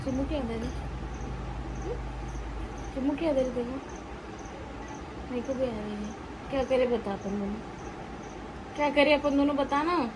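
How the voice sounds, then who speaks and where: Young woman, casual home vlog, slightly high voice, faint background noise. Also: normal speed, pauses often. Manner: coaxing, tender, repeats questions. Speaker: vlogger.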